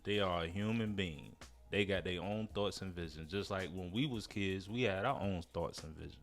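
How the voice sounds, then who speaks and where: A young man co-hosting a casual podcast, animated and slangy, often cutting in on others. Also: deep voice, normal speed, faint music behind. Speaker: podcast co-host.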